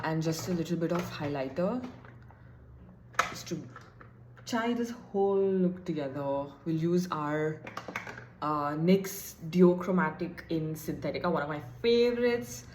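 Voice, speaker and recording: A woman's voice: deep voice, unhurried, noisy background. A young woman vlogger casually chatting and thinking aloud while doing her makeup, a bit self-deprecating. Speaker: beauty vlogger. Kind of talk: casual get-ready-with-me chat. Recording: echoey room.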